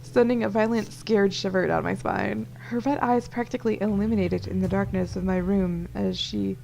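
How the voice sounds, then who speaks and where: Gravelly-voiced young woman playing a game. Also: medium pitch, fairly even intonation, normal speed, a little mellow, slight background noise. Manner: playful, giggly, swears, breaks into asides. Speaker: let's play host. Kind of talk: reading a visual novel aloud with commentary.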